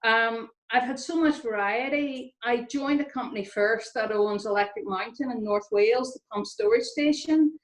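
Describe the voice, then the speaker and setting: A woman's voice: on the high side, moderate pace, few pauses, echoey room, rough recording. A woman in her fifties from Northern Ireland with a Northern Irish accent, speaking on a video call and giving an informal, chatty, self-deprecating talk to students as an engineer on a panel. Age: 50s.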